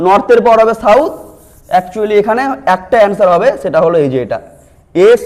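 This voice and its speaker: High-voiced male teacher solving puzzles. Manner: asks questions, then answers them himself. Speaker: exam prep teacher. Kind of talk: explaining reasoning questions.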